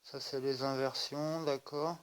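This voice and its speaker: A man's voice: medium pitch, fairly even intonation, measured pace. Joking man with a rambling chat. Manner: joking, rambling, talks straight to the viewer. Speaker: RC hobby channel host. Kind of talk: casual unboxing chat to viewers. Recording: noisy home recording.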